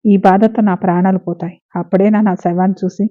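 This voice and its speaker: A woman reading the lines of a young woman in pain, tearful but quick with sharp retorts. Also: mid-range voice, little pitch movement, close to an everyday voice. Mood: hurt, angry. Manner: pleading, sharp-tongued retorts. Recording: narrow phone-like lo-fi sound.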